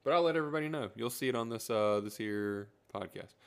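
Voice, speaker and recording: A man's voice: medium pitch, quick pace, clear, resonant tone. A man hosting his own podcast, talking alone in a rambling, self-correcting, self-deprecating way. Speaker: podcast host. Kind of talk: solo rant, casual monologue.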